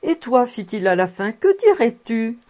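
A woman voicing a bashful, eager middle-aged bachelor who is easily flattered. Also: fairly high pitch, a little slow, pitched above the performer's own voice.

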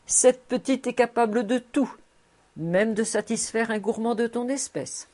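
A woman's voice: fairly high pitch, a little slow, a little mellow, voice pushed up, lightly acted. A woman doing a kindly, shrewd old rabbi. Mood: knowing. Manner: fond, knowing, pleading.

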